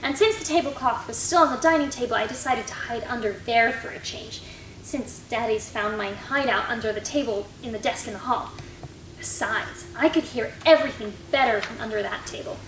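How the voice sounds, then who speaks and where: A high-pitched, guileless little schoolgirl played by a woman rattles on through her class report in a staged reading. The sound is distant and roomy, with faint noise. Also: fairly quick, a bit bright, natural voice. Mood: chatty, recounting.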